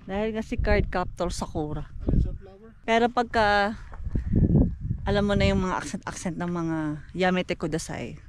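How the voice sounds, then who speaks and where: A woman's voice: mid-range voice, normal speed, long pauses, noisy background. A woman with a Filipino accent chatting playfully as a travel vlogger at an outdoor flower farm. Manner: chatty, playful, giggly asides. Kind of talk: casual travel vlog chat.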